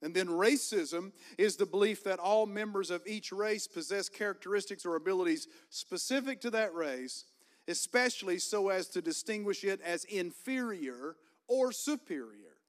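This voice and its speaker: In a church sanctuary, a male pastor from Virginia with a Southern Virginian accent preaches a sermon, calling for amens from the congregation as his fervor rises in call-and-response. His voice is high and animated, at normal speed.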